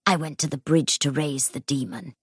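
A woman voicing the murdered ghost of a bitter male warlock, with a hollow, hissing voice and a slow, brooding delivery. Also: low-pitched, husky, dry recording, studio quality. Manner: slow, brooding, sinking to a whisper.

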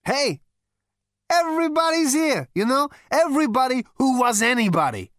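A man's voice: extremely high pitch, sing-song, moderate pace, fairly bright tone, dry recording, clean studio sound, pitched above the performer's own voice, exaggerated voice. A man voicing a brash, boastful male alien adventurer who whoops and shows off. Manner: whooping, showy, overexcited.

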